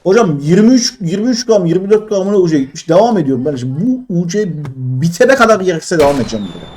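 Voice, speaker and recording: A man in his thirties from Turkey, streaming a mobile game and complaining in exasperation as he opens crates, jumping between loud high outbursts and low mutters. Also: sing-song, fast talker, a little hiss or hum. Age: 30s. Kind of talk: live-stream crate-opening commentary.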